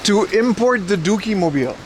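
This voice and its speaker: Over a noisy background, a male IRL streamer with a high voice and lively intonation talks fairly quickly. He's walking city streets outdoors, reading the chat aloud and joking with mock indignation.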